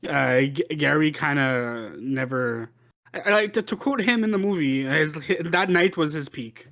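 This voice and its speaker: A man's voice: on the high side, normal speed, a bit bright. Rambling male podcast co-host. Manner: rambling, repeats words while thinking. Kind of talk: casual chat.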